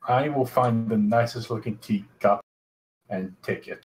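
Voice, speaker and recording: Mid-pitched man chatting at the game table. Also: unhurried, a little mellow, low-quality recording. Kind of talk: casual table chat.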